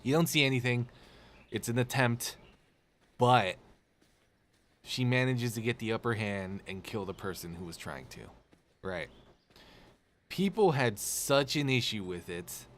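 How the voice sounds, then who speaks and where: A man ranting on a live game stream, animated, sarcastic and full of swearing. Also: medium pitch, unhurried, long pauses. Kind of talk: casual live-stream rant.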